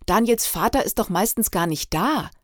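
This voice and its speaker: A woman with a mid-range voice reads an audiobook, voicing a shy thirteen-year-old girl who sounds hesitant and defensive. The character voice is pitched above her own, close to an everyday voice, animated and at a moderate pace. The recording is dry, with clean studio sound.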